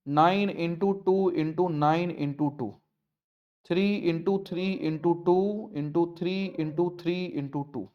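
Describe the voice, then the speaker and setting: A man's voice: a little high, darkish tone, muffled recording. A male maths teacher explaining a lesson step by step, coaxing his students and asking them questions. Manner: coaxing, asks students questions, repeats points.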